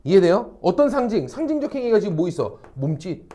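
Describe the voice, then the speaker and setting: Male cram-school social studies teacher, fairly high mellow voice, animated, rhetorical, a bit crude. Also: fast talker. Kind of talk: lecture to high school students.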